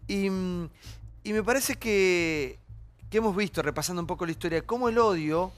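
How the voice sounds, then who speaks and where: Argentine guy on a tv panel, kinda high voice, keeps jumping in. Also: moderate pace, a bit bright. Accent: Rioplatense Spanish. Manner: earnest, interjects often. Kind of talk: televised panel discussion. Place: TV studio.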